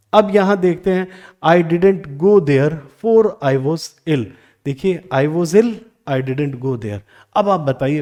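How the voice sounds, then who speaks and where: A man teaching English grammar in Hindi, asking questions and answering them himself, reading example sentences slowly with an Indian English accent. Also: on the high side, darkish tone. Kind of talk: classroom grammar lesson.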